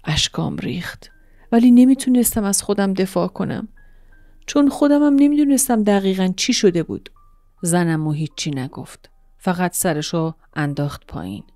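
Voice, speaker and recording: Woman softly narrating a story. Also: medium pitch, lively intonation, dry recording. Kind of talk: first-person story narration. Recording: dry studio voice-over with soft music.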